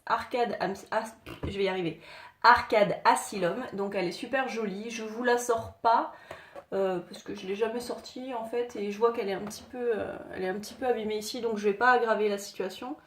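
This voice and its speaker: A woman chatting casually to viewers while showing her collectible figurines, in a halting way with many fillers. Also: mid-range voice, fairly even intonation. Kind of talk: casual unboxing chat. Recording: echoey room, faint noise.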